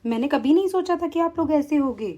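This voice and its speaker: A woman voicing an indignant young son-in-law in an animated cartoon, reproachful and agitated. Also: sits high, a little fast.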